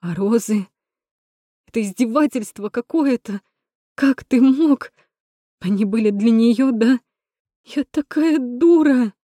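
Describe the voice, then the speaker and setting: A woman's voice: a little high, slow pace, pauses often, no echo, studio quality, pitched above the performer's own voice. Woman voicing a shrieking hysterical young woman. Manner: shrieking, voice cracking from yelling.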